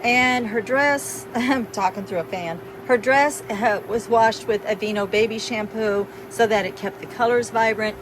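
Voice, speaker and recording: A woman's voice: on the high side, a little slow, few pauses, background noise. A woman talks casually through a running electric fan as she explains her doll repair at home. She lifts her voice to carry over the fan's whir. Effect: speaking through a running electric fan. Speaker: doll restorer demonstrating. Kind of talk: casual how-to demonstration.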